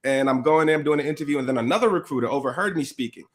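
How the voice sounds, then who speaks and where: Male guest, rapid casual storyteller who voices the people in his stories. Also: medium pitch. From USA. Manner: lively, slangy, acts out quotes, laughs often.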